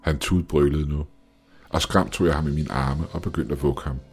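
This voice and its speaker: A man with an extremely low, deep voice narrates a scripted horror story. He keeps a steady, measured storytelling pace. Faint music plays quietly beneath him. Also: husky.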